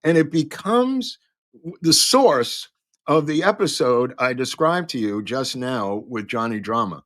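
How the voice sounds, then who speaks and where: A man hosting a show, telling a long story in a rambling, halting way with many fillers and restarts as he talks to a live chat. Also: mid-range voice, animated, fairly bright tone, dry recording, clean studio sound. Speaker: podcast host.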